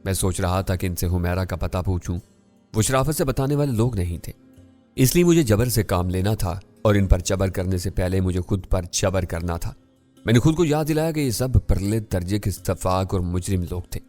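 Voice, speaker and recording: Guy reading a thriller story, low voice, calm and steady, quiet music under it. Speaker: narrator. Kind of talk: first-person audiobook thriller narration. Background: faint music.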